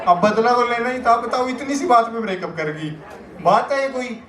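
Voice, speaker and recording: A man's voice: very high-pitched, normal speed, fairly bright tone, a faint crowd, a little hiss or hum. A young man performing stand-up comedy, telling stories in a chatty, anecdotal way that builds to punchlines. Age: young adult. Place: comedy stage. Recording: echoey room, voice picked up from a distance.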